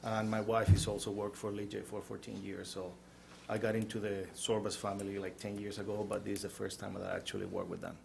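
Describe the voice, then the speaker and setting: A man introduces himself at a city council meeting. His low, gravelly voice stays flat in tone. He talks haltingly, with lots of fillers. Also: slight background noise. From Chile. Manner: halting, with many fillers and restarts. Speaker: restaurant owner applying for a license. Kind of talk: nervous self-introduction at a public meeting. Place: council chamber.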